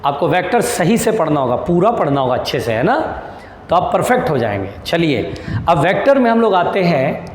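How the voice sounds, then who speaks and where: Patient, high-voiced male physics teacher. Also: big pitch swings, roomy sound, in a large hall, a little hiss or hum. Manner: patient, repeats key terms slowly; calls students "beta", reassuring. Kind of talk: classroom lecture.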